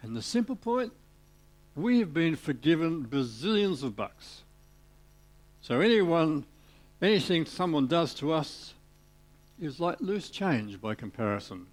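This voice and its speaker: A man preaching a sermon, retelling a parable with animated storytelling and little voiced parts for the characters. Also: on the high side, a little slow, pauses often.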